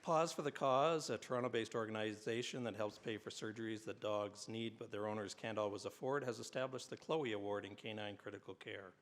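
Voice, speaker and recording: A man with a lowish voice reads out award citations at a formal university ceremony. He keeps a measured announcing style, slips in an occasional "uh", and now and then adds a dry joke at his own expense. His voice carries the long reverb of a large hall. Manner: reads citations with filler "uh"s, adds dry self-deprecating asides.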